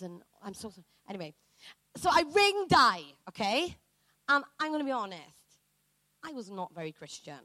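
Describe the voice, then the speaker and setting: With a slightly high voice and no room sound, a Welsh woman recounts a personal story from the pulpit, bringing it to life dramatically by acting out others' words.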